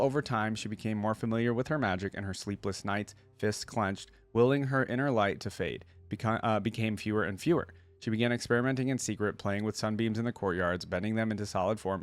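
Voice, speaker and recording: The low-voiced man here reads passages in a reaction video, stopping now and then to chat conversationally about them. The audio has no echo.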